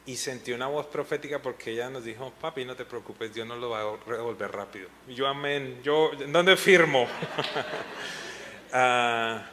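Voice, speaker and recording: There are few pauses as a middle-aged pastor talks fairly quickly in a medium-pitched, fairly bright voice with fairly even intonation, over slight background noise. On a pastors' panel he tells a heartfelt personal testimony, at points retelling when he wept.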